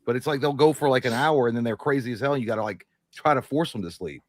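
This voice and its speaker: A man's voice: mid-range voice, fast, no echo. A man co-hosting a live stream, rambling through stories with heavy swearing. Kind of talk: casual crude banter.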